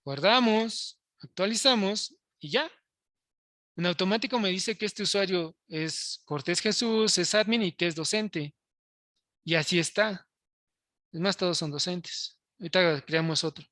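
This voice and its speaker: A male programming teacher walks students through code, pausing often to ask if they follow. His voice is bright and forward, recorded close and dry with no room sound. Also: high voice, dry recording. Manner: explains step by step, checks in with students often. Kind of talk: live coding lesson to students.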